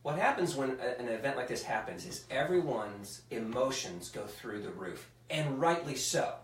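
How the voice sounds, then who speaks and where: A man's voice: mid-range voice, lively intonation, moderate pace, echoey room, recorded from a distance, a little hiss or hum, rough recording. A man hosting a casual live podcast, arguing his point emphatically with frequent restarts. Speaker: show host.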